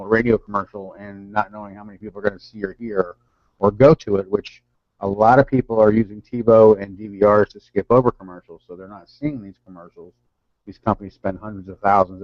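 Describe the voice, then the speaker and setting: Casting: male co-host for an online marketing talk, fairly low voice, wordy explainer, lo-fi sound. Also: dry recording. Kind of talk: informal business presentation.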